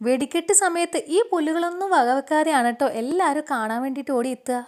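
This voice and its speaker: A woman's voice: high voice, fast talker, a little mellow. A woman casually describing the scenery for a vlog.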